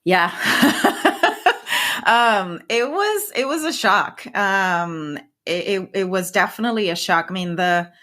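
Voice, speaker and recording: A Puerto Rican woman in her thirties, a native Spanish speaker, appears as a guest scientist on a podcast interview. Her medium-pitched voice is animated, slow, pushed and bright, and she speaks reflectively, frequently restarting phrases and repeating words.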